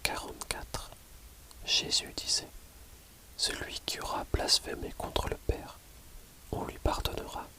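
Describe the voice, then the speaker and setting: Slow, hushed library whisper, ASMR reading. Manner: measured, pausing between short phrases. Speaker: audiobook reader.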